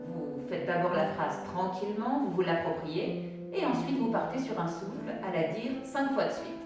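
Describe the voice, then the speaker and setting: A woman drama teacher leading an acting warm-up, giving clear step-by-step instructions and demonstrating diction drills. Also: on the low side, lively intonation, moderate pace, very echoey, distant mic, over music.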